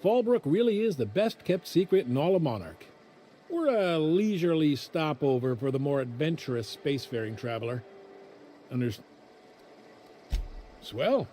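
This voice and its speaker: A man's voice: a little high, lively intonation, moderate pace, long pauses, mellow, slight background noise, close to an everyday voice. A man playing a folksy frontier saloon greeter. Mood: welcoming. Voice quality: folksy, welcoming salesman patter. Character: friendly male saloon greeter on a frontier colony.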